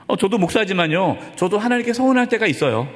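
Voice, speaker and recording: A male pastor preaching to his congregation in an earnest, conversational tone. His voice sits fairly high and swings widely in pitch. Long reverb from the church hall surrounds every phrase. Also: very animated, fast. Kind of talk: sermon. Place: church sanctuary.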